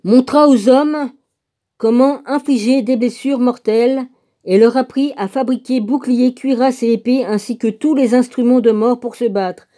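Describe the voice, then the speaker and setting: A woman reads a religious text aloud at a slow, casual pace, spelling out names letter by letter and adding her own comments. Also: a little high, steady tone, dark tone. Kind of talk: casual reading aloud with asides.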